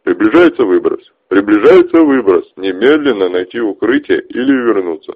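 A man voicing a stern male army general who gives loud, clipped orders over a walkie-talkie radio, in an audiobook reading. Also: fairly low pitch, expressive, moderate pace, slightly rough, no echo. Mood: urgent. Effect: heard over a walkie-talkie radio. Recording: tinny phone-like recording.

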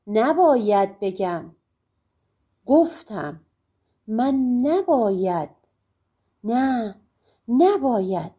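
A woman's voice: a little high, very animated, pauses often, warm tone, husky. A woman voicing an old fortune teller who hesitates and warns, in a storybook reading. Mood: reluctant. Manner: hesitant, warning.

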